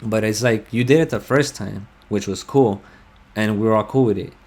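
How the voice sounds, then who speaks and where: His voice is on the low side and a little mellow, moving at normal speed. This young gamer, wearing a headset, tells a lengthy, heated personal tale in casual voice chat, full of swearing and digressions.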